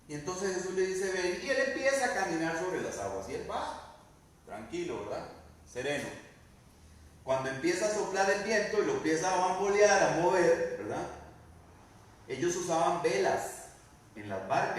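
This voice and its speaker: A man's voice: high-pitched, lively intonation, normal speed. A male pastor preaches a sermon, asking the congregation questions and acting out quoted lines. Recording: very echoey room, mic at a distance.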